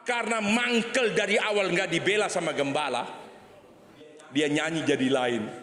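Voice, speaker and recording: A man's voice: on the high side, normal speed. A man preaching a sermon in a church, telling stories animatedly and acting out the voices. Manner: animated storytelling, acts out voices. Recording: echoey church hall.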